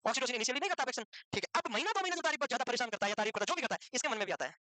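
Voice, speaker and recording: A woman gives a classroom lecture at a very fast clip. Her voice sits high and sounds sharp. She keeps asking questions and checking that her listeners follow, in a dry recording. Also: no echo, rough recording. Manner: asks rhetorical questions and often checks understanding; lively explaining with everyday examples. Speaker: teacher.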